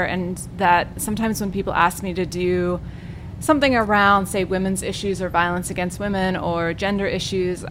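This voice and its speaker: A woman's voice: mid-range voice, fairly bright tone, slight background noise. A woman hosting a casual radio interview, talking in a reflective, conversational way. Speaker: radio host, educator. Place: radio studio.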